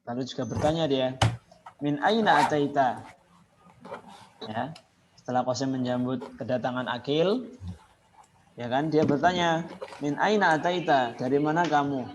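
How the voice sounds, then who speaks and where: A man teaching an Arabic class online, patiently repeating phrases slowly for his students. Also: medium pitch, noisy background. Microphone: video call. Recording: muffled video call with chattering students.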